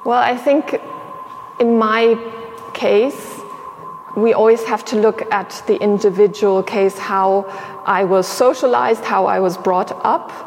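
A young woman curator who grew up in Sierra Leone and Tanzania, speaking in a measured, reflective way with many pauses in an interview. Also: mid-range voice, steady tone. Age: young adult. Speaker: museum curator, guest. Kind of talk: thoughtful interview conversation. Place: exhibition space indoors. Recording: reverberant hall with faint noise.

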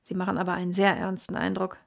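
A woman reading an audiobook, voicing a calm, keen-minded male detective who speaks in a measured, inquisitive, sometimes hushed way, with a husky voice. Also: on the low side.

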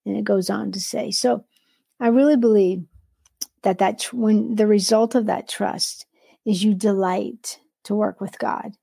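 Gravelly, mellow-voiced woman sharing her faith. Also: medium pitch, fairly even intonation, measured pace, no echo. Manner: earnest, quotes scripture aloud; restarts and self-corrections. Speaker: entrepreneur and devotional author. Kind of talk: faith-based conversational sharing.

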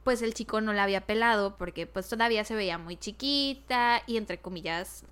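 A woman's voice: mid-range voice, a little fast, fairly bright tone, clear, resonant tone. A young woman with a Mexican accent chatting casually as a podcast co-host, mixing English words and slang into her Spanish. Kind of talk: casual chat.

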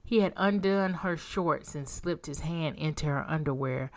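A woman narrating a romance audiobook with a calm, even delivery. Her voice sits low, and she reads at an unhurried pace. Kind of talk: scripted narration.

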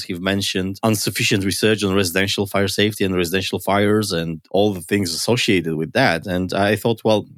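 A man's voice: low voice, dry recording, studio quality. A man hosting a science podcast in a conversational, explaining style, with an enthusiastic, curious manner. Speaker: podcast host.

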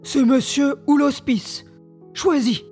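A woman voicing a harsh, hot-tempered peasant man in an audiobook, speaking gruffly and threateningly. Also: high voice, steady tone, slow, a little mellow, faint music behind, voice pushed up. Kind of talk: audiobook character reading.

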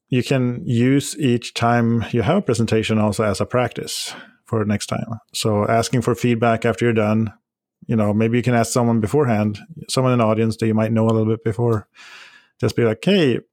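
A man's voice: fairly low pitch, a little mellow, no echo, studio quality. A man co-hosting a podcast, giving advice in an easygoing way with light laughs. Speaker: podcast co-host. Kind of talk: casual chat.

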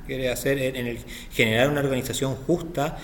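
A man's voice: medium pitch, fairly even intonation, brisk, big-room sound, slight background noise. A middle-aged man with a Chilean accent, speaking as an interview guest in a hesitant, reflective way with frequent restarts. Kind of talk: interview conversation.

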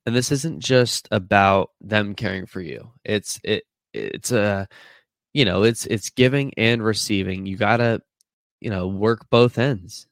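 A man's voice: fairly low pitch, measured pace, creaky, dry recording. A man with a stuffy nose hosting a casual motivational podcast, talking earnestly in a rambling way with lots of fillers. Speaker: podcast host.

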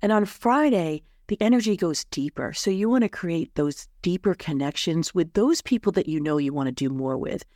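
A woman's voice: fairly low pitch, animated, normal speed, hardly any pauses, a little mellow, no echo, clean studio sound. A woman hosting a solo advice podcast in an upbeat, tidy, encouraging manner, like a coach reading prepared tips. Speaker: astrology coach and podcast host.

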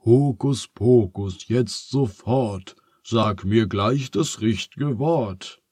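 A man's voice: fairly low pitch, animated, slow, darkish tone, breathy edge, no room sound, studio quality, full character voice. A man voicing Phineas, a sleepless young boy wizard with a whiny, fretful manner. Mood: chanting.

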